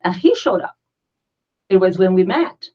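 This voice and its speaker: A woman's voice: on the low side, big pitch swings, a little slow, mellow. Brazilian woman chatting, dull audio. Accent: Brazilian Portuguese. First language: Portuguese. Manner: chatty and earnest, searching for words. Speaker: guest, founder of a pagan community. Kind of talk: casual interview conversation.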